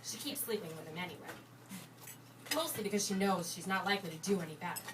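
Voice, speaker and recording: An actress performing a monologue as a jaded young woman, telling it in a wry, deadpan way with a bitter edge. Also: on the low side, fast talker, lightly acted. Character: sardonic young woman, jaded about romance. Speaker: stage actor performing a monologue. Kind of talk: theatrical monologue. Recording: distant mic, noisy background.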